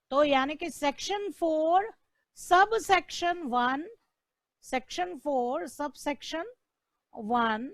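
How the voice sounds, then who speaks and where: High-voiced Indian woman teaching law slowly. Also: dry recording, studio quality. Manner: asks questions and answers them herself, repeats key terms; checks in with "right?" and "clear?". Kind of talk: online exam-prep lecture.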